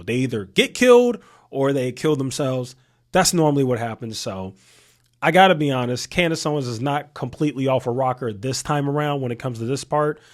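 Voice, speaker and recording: A thirty-year-old man giving casual political commentary to his viewers, emphatic and full of rhetorical questions, often repeating himself. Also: mid-range voice. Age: 30s. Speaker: commentary channel host.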